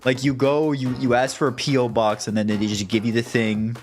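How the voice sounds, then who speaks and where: A young man from the United States rants at his stream chat, tripping over his words and swearing freely. His voice sits at a middling pitch, with faint music playing behind him. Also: flat delivery, brisk. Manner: rambling, profane, stammering restarts, ranting.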